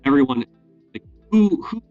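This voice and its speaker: A man giving casual instructions over a video call, halting and full of fillers, his audio glitching and cutting out. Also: mid-range voice, expressive, mellow, dull audio, faint music behind. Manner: halting, repeats filler words. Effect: glitchy audio that keeps cutting out.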